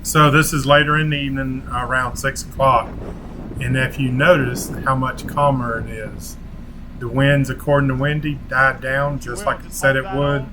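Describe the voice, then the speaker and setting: A man with a drawl recounts a run-in at the dock in a relaxed, chatty way. His voice climbs high when he replays the argument. Faint outdoor noise sits behind him on the boat. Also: moderate pace. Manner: animated, rises sharply when retelling arguments. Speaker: vlogger, boat owner. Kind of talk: casual storytelling vlog.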